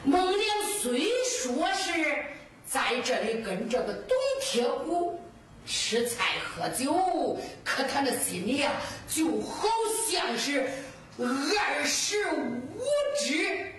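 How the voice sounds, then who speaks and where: A woman's voice: high-pitched, sing-song, slow pace, fairly bright tone. Woman telling a Henan folk story. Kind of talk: Henan zhuizi storytelling, sung and spoken. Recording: echoey, distant, noisy live recording.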